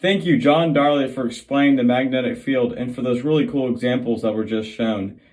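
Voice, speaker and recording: A man presenting a science show as its host, with a bright, upbeat, curious manner. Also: mid-range voice, a little fast.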